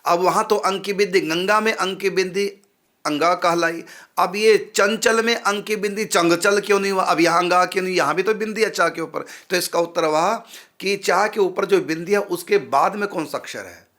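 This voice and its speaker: A man's voice: high voice, normal speed, bright, forceful tone. A man, a spiritual teacher, patiently explaining how to pronounce mantra syllables and repeating sounds to drill them.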